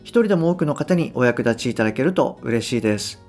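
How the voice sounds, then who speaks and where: With guitar music behind him, a middle-aged podcast host and coach talks unscripted in an easygoing, unhurried way. His mid-range voice is animated, and he explains ideas to the listener with gentle emphasis, sometimes phrasing things hesitantly.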